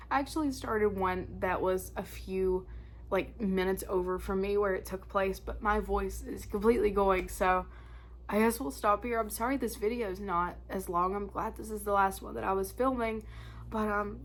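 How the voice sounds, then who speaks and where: A spooky story channel host, she reads listener tales at normal speed in a mid-range voice with fairly even intonation. Her delivery is casual and conversational, sprinkled with slangy asides, and a congested, stuffy nose colors her voice.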